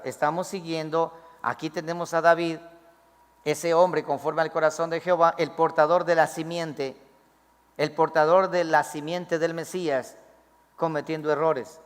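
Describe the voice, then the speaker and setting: A man's voice: on the high side, in a large hall. A man preaching a sermon as pastor, acting out pleading prayers in a raised voice.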